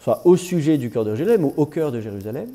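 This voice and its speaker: Mellow-voiced man teaching a class. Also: a little high, animated, fast. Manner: patient, explanatory, corrects students' reading. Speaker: teacher of biblical Hebrew. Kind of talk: classroom lecture.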